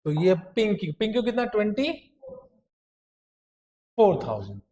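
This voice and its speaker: Teaching accounts to a classroom, an Indian man keeps prodding students with questions and weaves terminology through his explanations. His mellow voice sits high, rising and falling dramatically, and his pace is a little slow.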